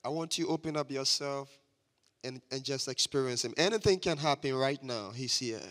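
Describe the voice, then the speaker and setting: A man's voice: medium pitch, normal speed, a bit bright. A man from Liberia, giving an emphatic sermon as a guest preacher and having the congregation repeat phrases after him. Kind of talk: church sermon. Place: church sanctuary. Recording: long church reverb.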